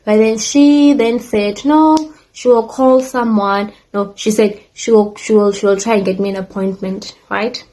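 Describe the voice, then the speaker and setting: A woman's voice: medium pitch, fairly even intonation, unhurried, dark tone, poor audio. Chatty young woman telling a rambling story. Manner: chatty, rambling with many restarts and asides to viewers. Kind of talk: casual storytime chat.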